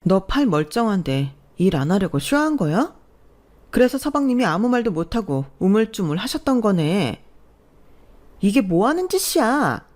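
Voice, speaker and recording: A woman voicing a spoiled, sneering young sister-in-law in a read-aloud story, in a high, indignant voice. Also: big pitch swings, moderate pace, darkish tone. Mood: accusing. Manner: shrill, indignant. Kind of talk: storybook voice acting.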